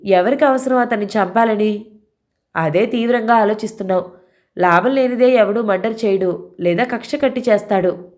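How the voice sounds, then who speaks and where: A woman's voice: mid-range voice, normal speed, a little mellow, pitched above the performer's own voice, natural voice. A woman voicing a middle-aged male police officer who explains the case bluntly and wearily. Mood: weary. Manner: blunt, matter-of-fact explaining.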